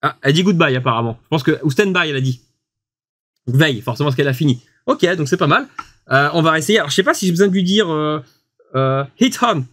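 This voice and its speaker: A chatty man with a fairly high voice walks through a new tool in a relaxed review. He laughs easily and fills his sentences with hesitations. The sound is dry and close. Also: quick pace, no echo. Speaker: host testing equipment. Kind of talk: casual product review.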